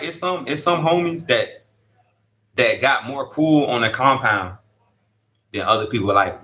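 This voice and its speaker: An inmate in his thirties, interviewed in a prison dorm, talks in a pushed, bright, mid-range voice. He tells stories conversationally in street slang, regularly pausing to ask "you see what I'm saying."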